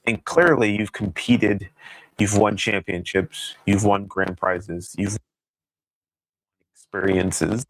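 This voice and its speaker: A man's voice: fairly low pitch, fairly even intonation, takes it slowly, long pauses, no echo. Man on a crackling, cutting-out mic. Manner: asks "right?" often. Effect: crackling mic that cuts out. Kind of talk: casual video-call chat.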